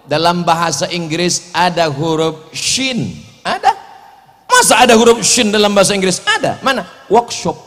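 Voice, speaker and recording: A man giving a lively religious lecture, joking and acting out the voices he quotes. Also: high voice. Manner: animated, jokey, acts out quoted voices. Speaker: preacher. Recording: echoey hall.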